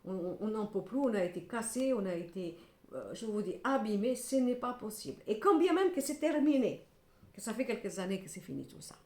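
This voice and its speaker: A woman's voice: mid-range voice, expressive, fairly quick, dark tone, reverberant. A middle-aged woman doing a tarot reading to camera, emphatic and repetitive, scolding and then consoling her viewers. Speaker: tarot card reader.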